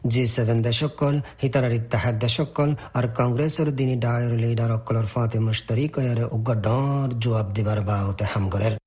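Male radio presenter, Rohingya accent, AM shortwave announcer style, scripted news delivery, mid-pitched, somewhat rough-edged voice. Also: a little mellow.

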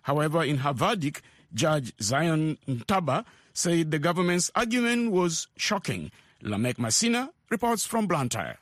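A man's voice: fairly high pitch, big pitch swings, measured pace, fairly bright tone, no echo, studio quality. A man presenting radio news and asking interview questions as the host.

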